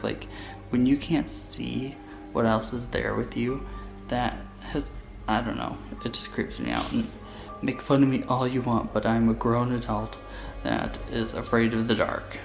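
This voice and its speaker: A young adult man with a gravelly voice telling stories in a casual, hesitant, rambling vlog style, recorded inside a house. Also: medium pitch, fairly even intonation, measured pace, low-quality recording. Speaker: vlogger. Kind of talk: casual vlog storytelling to camera. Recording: music bed under the voice. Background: background music.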